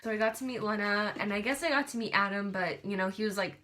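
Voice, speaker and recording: A woman's voice: mid-range voice, fast, sharp tone, slight background noise. A teenage girl telling a storytime vlog in a rambling, gushing way, with lots of fillers and restarts, recorded on a tablet. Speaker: vlogger. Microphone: tablet camera.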